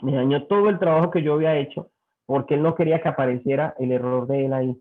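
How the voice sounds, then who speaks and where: A man's voice: mid-range voice, quick pace. Man preaching over a tinny line. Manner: animated storyteller, acts out quoted voices. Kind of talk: sermon-style teaching. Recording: tinny phone-like lo-fi sound.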